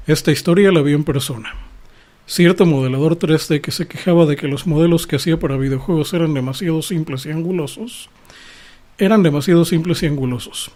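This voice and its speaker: A man's voice: a little high, a little mellow. A man hosting a podcast, giving a scripted monologue in an explanatory, lecturing way and speaking straight to his listeners. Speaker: podcast host.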